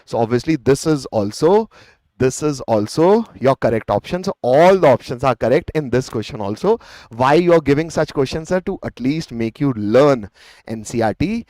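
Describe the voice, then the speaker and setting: A man's voice: medium pitch, expressive, moderate pace, a little mellow, dry recording. Indian man teaching, dry close sound. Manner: explanatory, poses questions and answers them himself. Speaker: chemistry teacher. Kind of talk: live exam-revision lecture.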